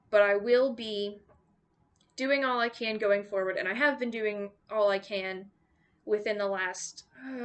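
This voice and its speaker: A woman's voice: medium pitch, fairly bright tone. Rambling, apologetic young woman vlogger. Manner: rambling and apologetic, many ums and likes. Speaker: YouTuber making song covers. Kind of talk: casual apology vlog talking to camera.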